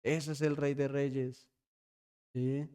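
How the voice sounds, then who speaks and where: A man preaching a sermon in church, often asking his congregation for a quick "yes?" and calling them brothers. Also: medium pitch, level tone, dark tone, clean tone. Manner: preaching with frequent rhetorical "¿sí?" checks. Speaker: pastor.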